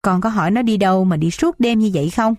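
A woman's voice: fast, a little mellow, no echo, clean studio sound, close to an everyday voice. A woman voicing a scolding, dramatic old village matriarch in an audiobook. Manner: shrill, complaining, wailing.

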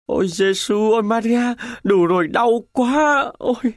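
A man's voice: very high-pitched, measured pace, no room sound, studio quality, pitched above the performer's own voice. A man voicing a mortally wounded young soldier who cries out in anguished pleading. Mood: agonized.

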